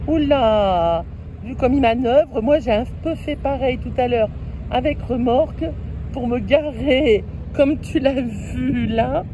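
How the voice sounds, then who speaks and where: A woman's voice: sits high, takes it slowly, dull audio, noisy background. A French woman chatting casually on her road-trip vlog, outdoors at a camper stop, fondly talking to her cat between remarks. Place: outdoors at a camper van area.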